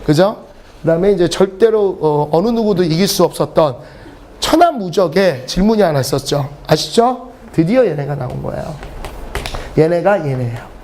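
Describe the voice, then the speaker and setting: A man's voice: a little high, moderate pace, a little hiss or hum. A middle-aged man teaching English to a class, telling joking stories and laughing between sentences. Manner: animated, joking, often laughing mid-sentence. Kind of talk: lecture with humorous storytelling.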